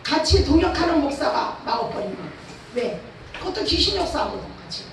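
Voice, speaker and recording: A woman's voice: high voice, sing-song, a little fast, vocal fry. A woman pastor from Chungcheong with a Chungcheong Korean accent, preaching a revival sermon with emphatic rhetorical questions. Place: church or prayer house hall. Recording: echoey hall, far from the mic, faint noise.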